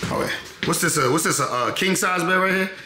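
In his twenties, this vlogger tours a rental apartment with a high, brisk voice, keeping it laid-back and slangy, repeating phrases and constantly asking "you know what I'm saying." He moves from the indoor rooms up to the rooftop, holding the camera close, and the rooms echo with clear background noise.

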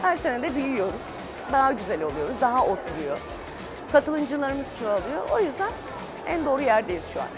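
A woman's voice: sits high, sing-song, fairly quick, music in the background, a crowd in the background. A woman company representative speaking upbeat at a trade fair.

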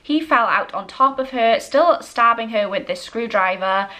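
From a small room at home, a woman in her twenties hosts a true-crime vlog, addressing the camera. Her fairly high voice is expressive, pushed and bright, at normal speed. She tells the story in a conversational, matter-of-fact way.

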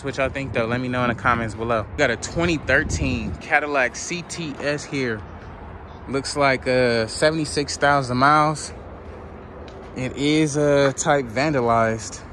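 A man vlogging a casual walkaround of cars at an outdoor auction lot, filmed on a handheld phone while he walks, chatting in slang and asking viewers to comment. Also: medium pitch. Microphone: handheld phone camera, filming while walking. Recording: outdoor lot with clear background noise.

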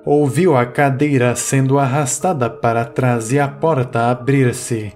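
A man reading a horror story aloud in a measured, suspenseful way, as the channel's narrator. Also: medium pitch, fairly even intonation. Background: soft music.

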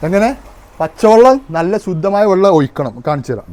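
Demonstrating how he makes arrowroot powder at home, a man walks through each step casually and keeps asking if you follow. His high-sitting voice is expressive, a little fast, and a little mellow.

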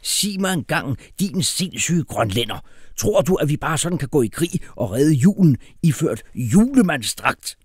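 A man voicing a furious, blustering grown man who shouts and rants. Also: mid-range voice, sing-song, few pauses, breathy edge, no echo, studio quality, pitched above the performer's own voice. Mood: ranting. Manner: shouting, ranting, hammering questions.

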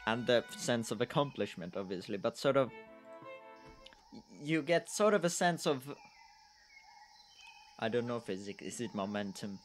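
Male gaming host, rambling casual commentary, mid pitch, hesitant. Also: lively intonation, normal speed, long pauses, faint music behind. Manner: rambling, hesitant, self-deprecating. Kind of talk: casual let's-play commentary.

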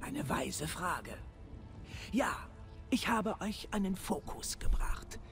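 Gravelly, solemn reptilian mystic. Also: female voice, fairly low pitch, very animated, soft background music, exaggerated voice. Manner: measured, solemn, cryptic. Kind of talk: video game character acting.

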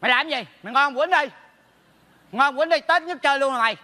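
In a stage hall with long reverb, a man performs a brash, teasing meddling neighbor for a comedy sketch. His full character voice is very high, bright, and forceful, and he fires off rapid scolding.

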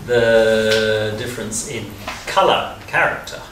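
A man's voice: fairly low pitch, a little slow, background noise. A middle-aged man teaching a music masterclass, playful and questioning, laughing often. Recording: echoey hall, distant mic, music behind.

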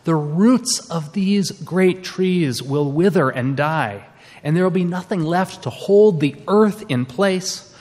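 A man's voice: a little high, expressive, takes it slowly, a little mellow, long reverb tail, pitched above the performer's own voice. A man voicing a troop of monkeys who warn a woodcutter in a storybook. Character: wise whispering troop of monkeys.

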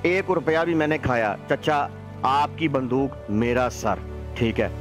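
A man's voice: medium pitch, animated, unhurried. Man, game roleplay chatter, pleading, music playing under. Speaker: gameplay streamer. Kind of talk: roleplay banter over a game. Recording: music behind the voice.

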